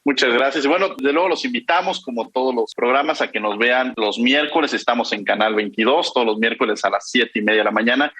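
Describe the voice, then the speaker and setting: A man with a Mexican accent hosting a radio talk show, courteous and gently rambling as he thanks guests and announces the credits. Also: mid-range voice, fast talker, few pauses, slightly rough, no room sound, rough recording. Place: radio studio.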